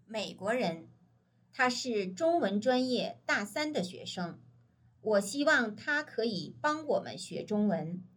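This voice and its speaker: A woman reading a scripted textbook dialogue for a language lesson, speaking slowly and carefully. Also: medium pitch, lively intonation. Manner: slow, careful enunciation.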